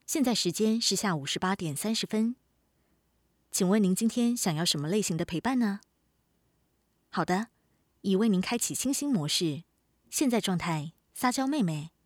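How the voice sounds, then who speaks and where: A woman's voice: medium pitch, expressive, normal speed, long pauses, dry recording, clean studio sound, close to an everyday voice. A woman voicing a polite smart-speaker companion system, reading formulaic prompts like an announcement. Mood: polite, neutral.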